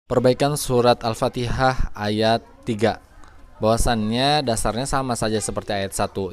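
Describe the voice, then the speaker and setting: A man teaching Quran pronunciation, explaining each letter patiently and slowly drawing out the recited examples. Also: mid-range voice. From Indonesia. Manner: patient, careful, drawing out sounds slowly to demonstrate.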